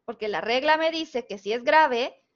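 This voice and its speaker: A woman's voice: sits high, expressive, measured pace. A woman with a northern Mexican Spanish accent teaching a spelling lesson, patiently explaining rules step by step and checking in with her students. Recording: dull, lo-fi recording.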